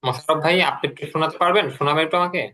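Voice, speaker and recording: Brief: male online teacher, bright forceful tone, patient step-by-step explaining, call mic. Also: on the high side, fairly even intonation, rapid-fire, slight background noise. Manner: explains step by step, repeats words for drills. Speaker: English teacher. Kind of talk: online class lesson.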